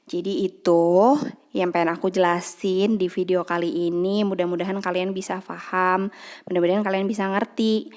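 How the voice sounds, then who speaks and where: A young woman teaching a casual online English lesson, chatty and warm in tone to her students, slowing down and lifting her voice to repeat each example phrase. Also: mid-range voice.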